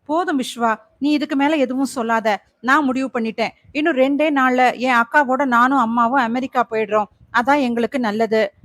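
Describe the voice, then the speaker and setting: A man's voice: very high voice, steady tone, moderate pace, fairly bright tone, no room sound, clean studio sound. A woman voicing a frightened young man in an audiobook thriller, pleading and tearful. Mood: distraught. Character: frightened young man, desperate and guilt-ridden.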